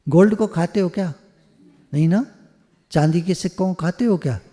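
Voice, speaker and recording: A man giving a devotional satsang talk in a high yet mellow voice, chatty and teasing, slipping English words into his speech. The sound carries a long hall reverb. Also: normal speed. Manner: conversational, joking, mixes English words. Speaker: spiritual speaker.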